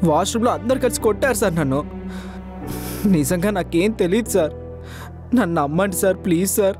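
A man's voice: high-pitched, fairly quick, lightly acted. An actor playing a young male student who pleads his innocence to the principal. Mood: pleading. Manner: pleading, then defiant. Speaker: college student accused. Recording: music score behind.

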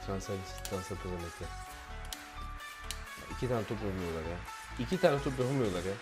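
A man commentating his own football video game, frustrated, shouting and swearing at his players. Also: low voice, expressive, fairly quick, over loud music. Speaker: gaming YouTuber.

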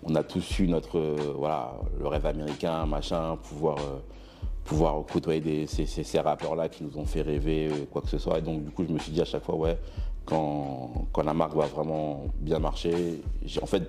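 A man in his thirties with Benin roots, giving a relaxed guest interview in a studio, hesitant with many fillers and restarts. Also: extremely low pitch, moderate pace. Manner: gestures broadly while seated. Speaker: brand founder, guest. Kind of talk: casual interview talk. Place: studio room with clothing racks, indoors.

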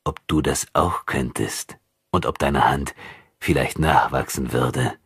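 A cruel armored knight who mocks his captive in a slow, drawn-out sneer, as a man voices him in an audiobook. The voice sits very deep with a husky grain, and the recording is dry and close. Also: fairly bright tone, no echo, exaggerated voice. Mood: mocking. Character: cruel armored male knight, mocking and calm. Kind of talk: audiobook character reading.

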